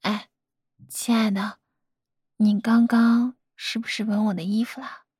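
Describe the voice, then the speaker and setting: A woman's voice: a little high, level tone, measured pace, darkish tone, husky, no echo, clean studio sound. A young woman in a girlfriend role-play, talking tenderly, coaxing and teasing a partner.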